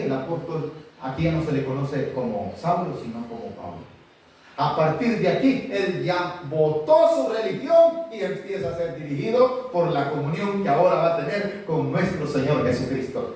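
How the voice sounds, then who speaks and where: In a church hall, a pastor preaches with fervor, calling out questions to his congregation. His voice is fairly high and a little mellow, captured on a distant mic with echo and a faint hiss.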